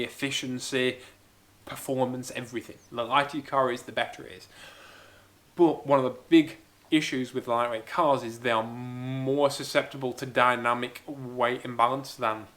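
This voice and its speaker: A man who grew up in Spain answers viewer questions in a casual Q&A vlog about building a car, recorded on a small camera-mounted mic. His mid-range voice is a bit bright, and he chats enthusiastically, thinking aloud as he goes.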